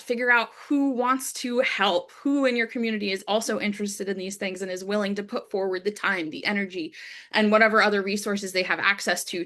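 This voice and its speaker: A woman's voice: on the high side, fairly bright tone. A young woman hosting an online youth training session, enthusiastic and full of fillers. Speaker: webinar host. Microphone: video call.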